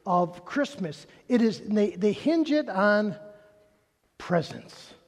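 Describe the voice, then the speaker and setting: Male pastor, conversational and joking, slow delivery, echoing church sound. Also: high voice, darkish tone. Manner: chatty, joking with the congregation. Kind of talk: sermon.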